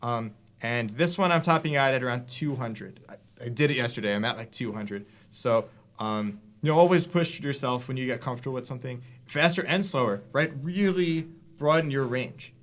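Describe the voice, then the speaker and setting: A man's voice: medium pitch, moderate pace, a bit bright. A man giving a casual drum lesson, explaining loosely with fillers and restarts. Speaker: drum teacher. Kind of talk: casual instructional talk. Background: drum hits between lines.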